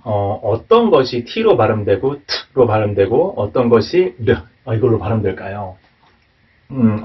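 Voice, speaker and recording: Hesitant man lecturing, distant muffled mic. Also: fairly low pitch. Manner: hesitant, many fillers and tag questions. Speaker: English pronunciation teacher. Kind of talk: whiteboard lecture.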